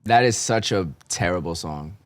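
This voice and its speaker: Low-voiced guy hosting a podcast, blunt and slangy, swears a lot, dry sound. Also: normal speed, no echo. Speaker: podcast host. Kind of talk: casual chat.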